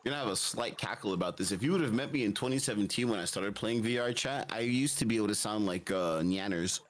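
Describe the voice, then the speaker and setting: A man's voice: fairly low pitch, quick pace. A man chatting casually with a friend on stream, teasing playfully and making mock threats. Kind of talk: casual chat.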